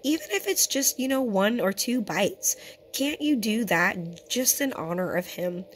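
A hoarse woman who keeps clearing her throat, giving an earnest, conversational scripture teaching to her viewers. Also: medium pitch, animated, a little slow, slight background noise. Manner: earnest and conversational, addresses viewers as brothers and sisters. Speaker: teacher of a Torah fellowship. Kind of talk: home-made teaching video.

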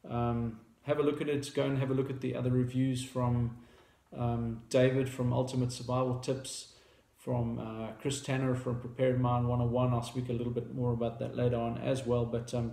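A gravelly, warm mid-range voice belongs to a South African company founder in his thirties, chatting casually to camera about a product. He sits at a table in a small indoor room, and the sound echoes. His speech is hesitant and full of fillers and restarts.

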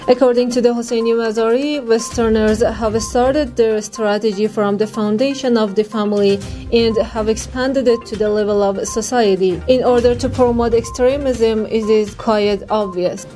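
A woman's voice: on the high side, steady tone, moderate pace, warm tone, soft background music. A young woman with an Afghan accent reads scripted news formally as a newscaster. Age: young adult.

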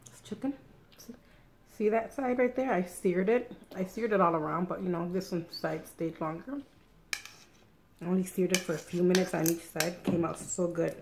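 Middle-aged woman host, slightly low voice, casual and chatty between bites, home recording with audible background noise. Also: fairly even intonation, moderate pace, darkish tone. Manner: chatty, eats and talks with mouth full. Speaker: eating show host. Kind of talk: casual chat while eating.

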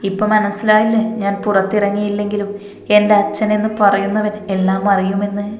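A protective young village hero, fierce toward his enemies and tender with his beloved, as a woman reading a storybook puts him on. The delivery stays level and even. Soft music sits behind an echoey room sound. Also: medium pitch, a little fast, close to an everyday voice. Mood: angry.

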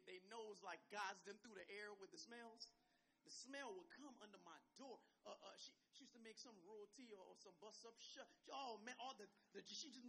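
A man preaching a lively, humorous sermon as co-pastor, telling family stories and calling out to the congregation. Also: high voice. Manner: animated, humorous, call-and-response with the congregation. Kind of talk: live storytelling sermon.

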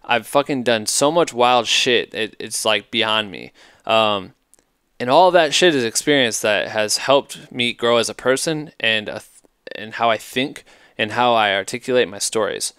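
Thirties male podcast host, emphatic swearing monologue, lowish smooth voice, close dry headset sound. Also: a little slow, pushed and bright, no echo. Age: 30s. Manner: profane, emphatic, rambling. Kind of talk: casual advice monologue. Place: hotel room at night, indoors. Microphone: headset mic.

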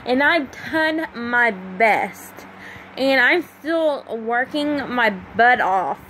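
A 25-year-old woman vlogs a personal confession at night from a small room at home, phone close to her face while a fan runs. Her voice is a little high, animated, and sharp, and she speaks emotionally and haltingly with lots of pauses and fillers. The rough recording picks up a faint fan hum.

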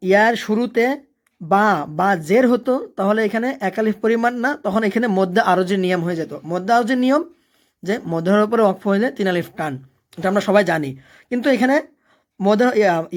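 Teacher chanting slow recitation. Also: medium pitch. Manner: explains rules step by step, then recites verses slowly and melodically. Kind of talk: recitation lesson.

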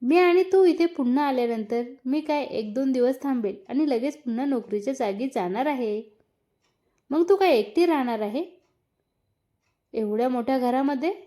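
A woman's voice: high voice, moderate pace, dark tone, lightly acted. A woman voicing a teasing, eager young husband, playful and insistent, in a read-aloud story. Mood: scolding.

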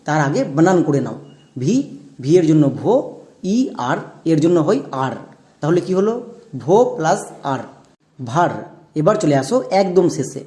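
A man's voice: high voice, mellow. A man teaching English pronunciation in a classroom-style lesson, spelling out words letter by letter and asking his viewers questions as he explains.

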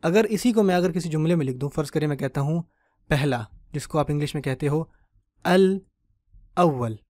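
Male teacher with a slightly high voice and dry close sound, patient, keeps checking the class follows. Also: warm tone, dry recording. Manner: patient, explanatory, checks in with the listener often; spells out word endings slowly. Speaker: Arabic grammar teacher. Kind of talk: online grammar lecture.

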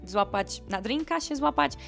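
A woman's voice: sits high, animated, moderate pace, creaky, a bit bright, soft background music. A woman who grew up speaking Polish, chatting casually in an online lesson as she explains English phrases with quoted examples. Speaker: English teacher.

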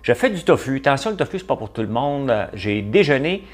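A man's voice: mid-range voice, big pitch swings, fairly quick. A middle-aged man with a Quebec French accent, hosting a casual livestream and chatting with viewers by name. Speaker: livestream host reading viewer comments. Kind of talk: casual live chat.

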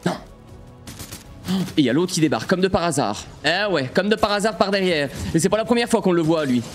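A young man giving excitable gameplay commentary to his viewers, breaking into sudden frustrated outbursts. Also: sits high, brisk, faint music behind. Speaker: gaming streamer.

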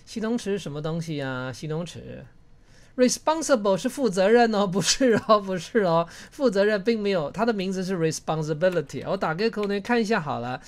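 A woman's voice: medium pitch, lively intonation, fairly quick. A woman with a Taiwanese Mandarin accent teaching English in a live online class, coaxing students along and prompting them word by word. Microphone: video call.

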